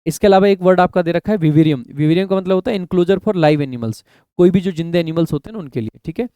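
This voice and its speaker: A man teaching exam vocabulary online, explaining in Hindi and reading English definitions slowly, letting his voice sink at phrase ends. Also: mellow, no room sound. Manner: drops pitch and volume at the ends of phrases; addresses viewers as "mere bhai".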